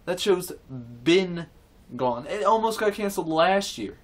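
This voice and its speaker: In a casual opinion rant to camera, a male vlogger rambles, repeats himself, and restarts many times, sounding indignant and earnest. His voice sits high and is animated, yet he doesn't hurry.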